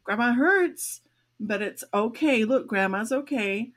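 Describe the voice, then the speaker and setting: Laughing often, an older woman who co-hosts a podcast and is a grandmother shares a long personal tale in relaxed chat. Her voice is on the high side, with lively intonation and an unhurried pace.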